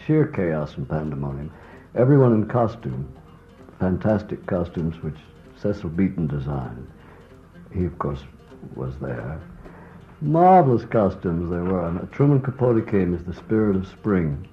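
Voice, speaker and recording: Deep-voiced man on old worn tape. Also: sing-song. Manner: wry, unhurried storytelling with asides. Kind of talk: recounting an anecdote. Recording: dull lo-fi old tape with faint music.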